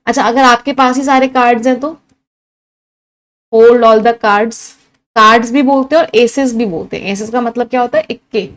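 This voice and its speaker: Brisk Indian woman teaching vocabulary. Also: a little high. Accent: Indian English. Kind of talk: exam-prep vocabulary lesson.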